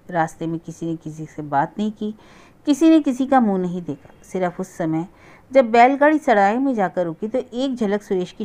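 A woman narrating a novel aloud in a steady, measured storytelling manner. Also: mid-range voice. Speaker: audiobook narrator.

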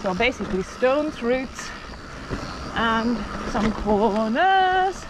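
Excitable woman on a trail. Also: on the high side, takes it slowly. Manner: excitable and nervous, frequent exclamations. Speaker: mountain biker filming her ride. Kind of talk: running commentary while riding. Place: outdoors on a forest bike trail. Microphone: helmet action camera. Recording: noisy outdoor action-camera audio.

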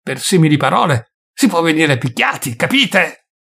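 A man voicing an indignant, wealthy gentleman who hisses back in wounded anger, with a husky voice. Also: on the high side, big pitch swings, moderate pace, full character voice.

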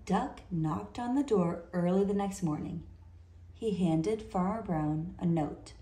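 A woman reading a children's picture book aloud in an expressive, deliberate storytelling manner. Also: fairly low pitch. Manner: slow, deliberate, animated delivery for children. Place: indoor room. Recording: roomy indoor echo.

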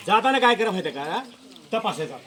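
A man's voice: high voice, very animated, fast talker, pushed and bright. A male school teacher giving a classroom lesson to children, repeating questions and coaxing pupils to answer. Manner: repetitive questioning, coaxing pupils with filler prompts.

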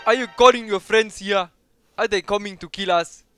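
Brash high-voiced German-accented man. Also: normal speed, clean tone, dry recording, faint music behind. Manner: brash, shouting orders, teasing. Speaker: police officer character in role-play. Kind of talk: in-character game role-play. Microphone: game voice chat.

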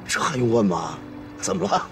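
An actor playing a brash, teasing street hustler who talks in a breezy, lively way. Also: male voice, mid-range voice, normal speed, vocal fry. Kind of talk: TV drama acting. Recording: distant mic with loud music score.

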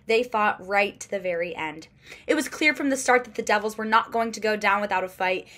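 A young woman in her twenties reading a scripted postgame sports report, steady and clearly paced, recorded in a small room at home. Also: a little high.

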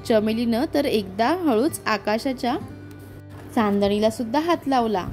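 Woman storyteller, expressive read-aloud, fairly high voice, faint music behind. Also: a little slow. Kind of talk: children's story narration.

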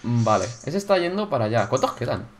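Excitable gamer narrating his game. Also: medium pitch, fast, a little hiss or hum. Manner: excitable, swears, shouts when startled. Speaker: gaming YouTuber. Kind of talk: casual gameplay commentary.

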